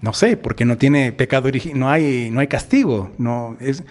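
A man, a priest, teaching an adult catechism class in a conversational, animated way, acting out little scenes as he explains. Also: medium pitch, normal speed, slight background noise. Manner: conversational, animated storytelling with acted-out quotes.

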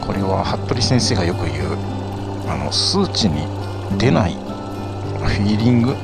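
A man's voice: on the low side, moderate pace, creaky. Man musing aloud on a motorcycle ride. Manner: relaxed, musing, chatty. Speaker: motovlogger. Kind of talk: casual riding commentary. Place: riding a motorcycle outdoors. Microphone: helmet-mounted action camera mic. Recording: loud background music, road noise. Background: loud music.

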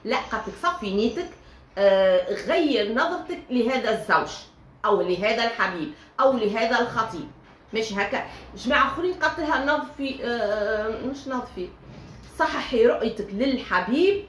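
A woman's voice: on the high side, expressive, fairly quick. Tunisian lady doing a tarot reading, chatty, lots of fillers, echoey room with a faint hum. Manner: chatty, fillers and direct address to listeners. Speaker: tarot reader. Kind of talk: casual tarot reading monologue.

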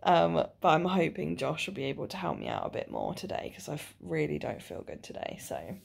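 Her voice low, gravelly, and slightly rough, a woman in her twenties speaks briskly with huge pitch swings in a casual video diary. She's tired, nauseous, and her jaw aches after dental surgery, so she talks wearily from a small living room or bedroom at home.

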